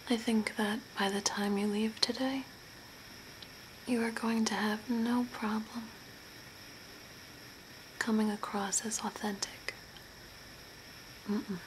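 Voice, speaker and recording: Speaking in a slightly high, soft breathy whisper, a young ASMR host plays a calm, eerie zombie makeup artist, slowly and deliberately guiding the listener with gentle instructions. It's a noisy home recording from a small room by a window, with hiss and clear background noise.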